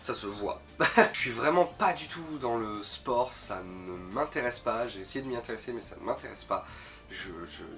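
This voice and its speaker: A man hosts an informal, rambling film review, talking to camera in a nasal, sniffly voice from a slight cold, often stumbling and repeating words. His voice is mid-range, animated and fairly bright at a moderate pace, with faint music in the background.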